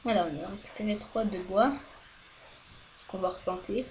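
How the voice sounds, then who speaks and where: At home, a woman talks into a headset mic as host of a gaming video, delivering casual, rambling let's-play commentary while swearing often and apologizing a lot. Her voice is medium-pitched with a darkish tone at a normal speed. Slight background noise is audible.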